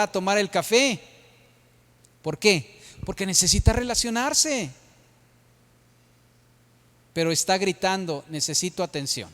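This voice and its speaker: A middle-aged Mexican pastor preaches with a high-pitched voice, often asking his congregation for agreement with tag questions. His voice carries the long reverb of a church hall. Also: a bit bright. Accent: Mexican Spanish. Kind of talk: sermon.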